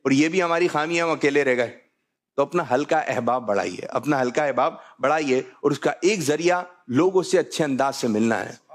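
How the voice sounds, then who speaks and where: A man hosting a religious talk show, jovial, often repeating his key phrases. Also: mid-range voice. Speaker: host.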